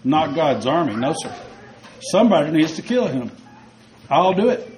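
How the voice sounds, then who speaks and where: A man voicing a bold young shepherd man, calm, confident, a bit high voice, sermon storytelling. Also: normal speed, a little hiss or hum, poor audio.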